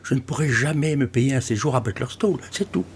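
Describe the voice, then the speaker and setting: A man voicing a shy, excitable young woman flutist who talks breathlessly and often drops to a whisper in this audiobook. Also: medium pitch, brisk, slight background noise, voice pushed up, lightly acted. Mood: flustered.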